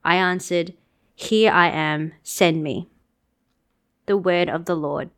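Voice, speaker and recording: A woman reading scripture as a lector in a solemn, measured liturgical style. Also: fairly low pitch, clear, resonant tone.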